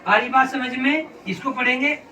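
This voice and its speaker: A man's voice: very high voice, normal speed. A man teaching children to read the Quran, asking questions over and over and drilling letter sounds. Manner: patient, repetitive questioning of pupils. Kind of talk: classroom lesson with call-and-response. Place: classroom with children. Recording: echoey room, distant mic, noisy. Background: children's voices and room noise.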